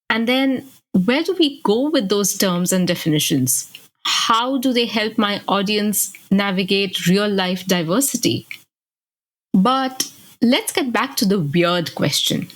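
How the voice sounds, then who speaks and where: A woman from India co-hosts a podcast, her voice at a middle pitch. She sounds engaged and curious as she adds her own view. She speaks in a conversational way. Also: low-quality recording. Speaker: podcast co-host.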